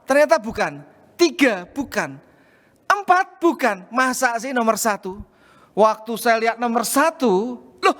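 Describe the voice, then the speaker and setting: Brief: middle-aged male preacher, high voice, lively storytelling, church hall reverb. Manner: storytelling, animated rises when excited. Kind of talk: sermon.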